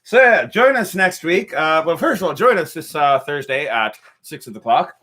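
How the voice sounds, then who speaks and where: A man hosting a casual history podcast, his fairly high voice bright and forward. He rambles through the story with jokes and restarts. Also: lively intonation, normal speed. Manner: rambling and jokey, with filler and restarts. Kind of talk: casual joking history chat.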